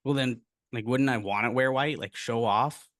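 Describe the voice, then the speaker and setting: A man's voice: medium pitch, moderate pace, a bit bright, dry recording, clean studio sound. A young man co-hosting a casual podcast with his brother, playful and easygoing, asking lots of questions. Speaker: podcast co-host.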